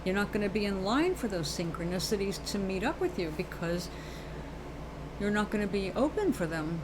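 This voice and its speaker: Hosting a live show, a New York woman with a matching accent talks earnestly and ramblingly about spirit, calling her viewers baby and darling in casual spiritual chat. Her medium-pitched voice is animated and moves at normal speed over background noise.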